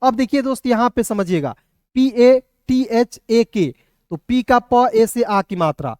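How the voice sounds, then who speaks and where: A man teaching a spelling lesson, slowly spelling words out letter by letter and checking that listeners follow. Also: very high voice, animated, mellow, no room sound, studio quality. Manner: slow, patient, repeats letters one by one; calls listeners "friends" often.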